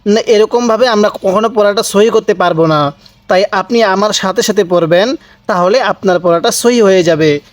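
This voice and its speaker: A man teaching Quran reading, sounding out words syllable by syllable in drawn-out recitation between quick spoken explanations. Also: sits high, dry recording. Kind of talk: slow syllable-by-syllable recitation lesson.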